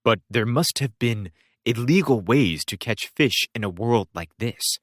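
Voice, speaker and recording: Male first-person narrator, wry and expressive; animated delivery, dry. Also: medium pitch, measured pace, dry recording. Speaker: audiobook reader.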